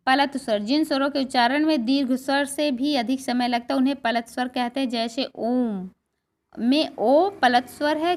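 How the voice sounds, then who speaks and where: A woman teacher giving a grammar lesson and walking through a table, slow and deliberate, drawing out her example words. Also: on the high side, a little hiss or hum.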